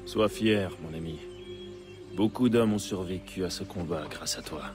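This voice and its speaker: Man acting deep-voiced steady comrade-in-arms. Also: normal speed, natural voice. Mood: earnest, consoling. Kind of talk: dramatic video game dialogue. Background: music.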